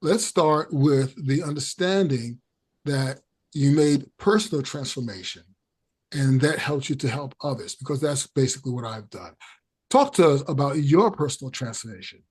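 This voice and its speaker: A man's voice: medium pitch, moderate pace, darkish tone, breathy edge. A man hosting a podcast interview, effusive in his praise and often repeating words as he searches for them. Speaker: podcast host.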